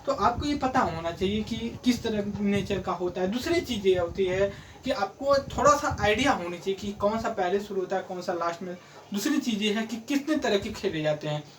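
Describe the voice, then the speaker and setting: High-voiced man teaching, lots of uh and restarts, mic kinda far off. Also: expressive, normal speed, a bit bright. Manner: hesitant, many fillers and restarts. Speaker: coaching centre teacher. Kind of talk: explanatory video lesson. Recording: voice from afar, faint room noise.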